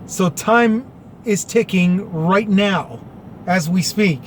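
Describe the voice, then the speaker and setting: A commentary vlogger with a high-pitched male voice reads a government order slowly, then sarcastically restates it in plain words. There's slight background noise.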